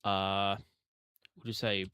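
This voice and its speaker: A man's voice: sits low, flat delivery, slow, sharp tone, clear, resonant tone. A man chatting in a casual, jokey way on a livestream while he edits audio on his computer. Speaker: streamer editing rail audio.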